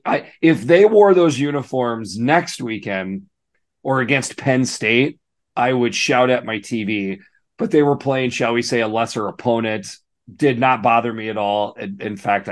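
Gravelly-voiced man chatting casually. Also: mid-range voice, unhurried. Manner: relaxed, rambling, with frequent restarts. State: gravelly, hoarse voice. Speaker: co-host. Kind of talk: casual sports podcast chat.

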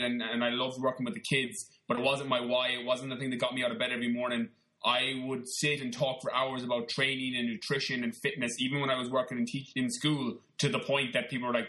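A man's voice: medium pitch, sharp tone, poor audio. A man with a west of Ireland accent, chatting informally as an interview guest and often rephrasing himself as he explains. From Galway, west of Ireland. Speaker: podcast guest, personal trainer. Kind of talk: conversational interview, telling own story.

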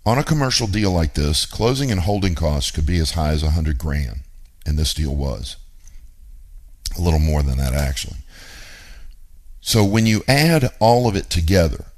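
A man's voice: rumbling low, animated, moderate pace, long pauses, a little mellow. A man hosting a radio show, giving a blunt, emphatic teaching monologue on real estate investing and repeating his key points.

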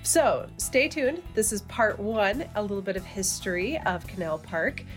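A woman's voice: mid-range voice, big pitch swings, moderate pace, soft background music. A woman hosting a podcast, chatting casually and informally to her listeners. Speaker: podcast host. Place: quiet, slightly echoey rental townhome room.

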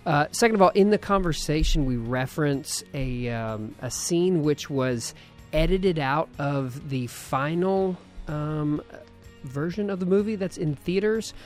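A man's voice: a little high, a little slow, soft background music. A man hosting a podcast, chatting casually and rambling with many fillers. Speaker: podcast host.

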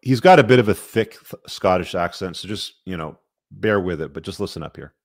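Really deep voiced guy hosting a stream, casual chatty opinionated commentary to viewers. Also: lively intonation, brisk. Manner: informal, opinionated, conversational. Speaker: livestream host.

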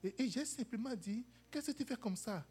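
A woman's voice: fairly high pitch, normal speed. A woman preaching a sermon, calling to the congregation and acting out the voices of people in her stories. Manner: animated, calls for "Amen" and "Alléluia", acts out quoted voices.

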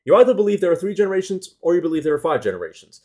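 A man reading his own analytical essay aloud as a car enthusiast, careful and argumentative, pausing to correct small slips. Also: sits high, big pitch swings, warm tone.

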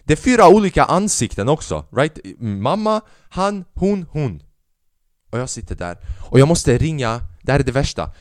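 A man hosting a podcast, telling a story in a casual monologue, animated and swearing, acting out the people he quotes. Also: a little high, dry recording, clean studio sound. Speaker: podcast host; stand-up comedian.

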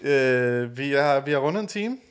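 Twenties, Danish accent, mid-pitched co-host with dry, teasing banter. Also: male voice, lively intonation, smooth. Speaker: podcast co-host. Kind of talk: casual chat.

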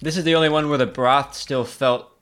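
A man tasting tea in a casual chat, relaxed and joking, with frequent "like" and "um" fillers. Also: mid-range voice, brisk, slight background noise. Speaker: tea enthusiast guest.

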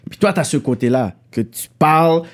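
Young man, Québécois French accent, podcast host, slightly high voice, animated, slangy French-English mix. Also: moderate pace. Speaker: podcast host interviewing a rapper. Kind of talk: casual conversation with English slang.

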